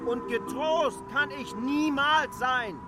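An insistent land surveyor. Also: male voice, very high voice, takes it slowly, over music. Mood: ironic. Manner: insistent, exasperated, reproachful. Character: K., stubborn demanding adult land surveyor. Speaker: lead character in a radio play. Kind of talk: radio drama acting.

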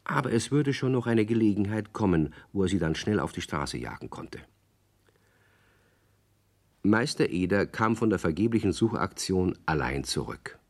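A man narrating a children's radio play in a calm, measured storytelling manner. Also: low voice.

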